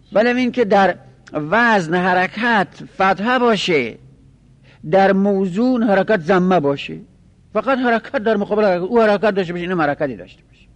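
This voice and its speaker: A man with a fairly high voice teaches a lesson, explaining patiently and repeating key terms. He recites verse in a slow, rhythmic chant. The sound is dry and close, with no room echo. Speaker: teacher of Arabic grammar. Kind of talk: classroom lecture.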